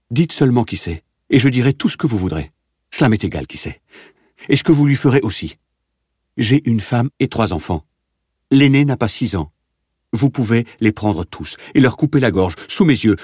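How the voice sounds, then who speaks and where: A man voicing a starving, terrified male prisoner in an audiobook, begging desperately in a shrill voice. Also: slightly rough, dry recording, clean studio sound. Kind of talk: audiobook reading.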